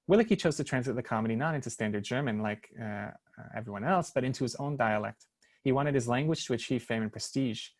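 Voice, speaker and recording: An academic lecturer with a mid-range, darkish voice presents a prepared research paper at an online seminar. He reads carefully through a computer mic, hesitating slightly over foreign names.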